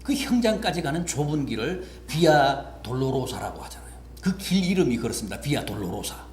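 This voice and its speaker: A male pastor preaching a sermon dramatically, swinging from hushed words to loud outbursts. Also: medium pitch, very animated, brisk, slight background noise. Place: church sanctuary. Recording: echoey church with faint ambience.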